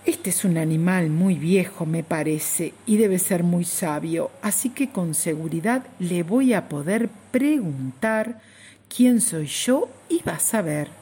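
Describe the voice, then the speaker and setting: A woman's voice: on the low side, expressive, slow, warm tone, husky, heavily acted. A woman voicing Bichito, a small, lost bug creature that stammers anxious questions in a storybook tale. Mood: hopeful. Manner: stuttering, plaintive questioning.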